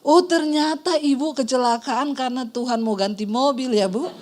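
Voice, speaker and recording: A woman's voice: high-pitched, moderate pace, darkish tone. A middle-aged woman pastor preaching a sermon, telling a personal testimony and acting out the voices in her story. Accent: Indonesian. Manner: storytelling, acts out quoted voices, addresses congregation as "Saudara".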